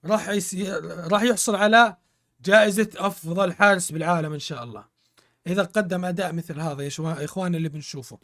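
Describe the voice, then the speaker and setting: A man's voice: high voice, very fast, fairly bright tone. A man streaming a football video game, commentating live, exclaiming in bursts, repeating words and thanking his viewers. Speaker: gaming streamer.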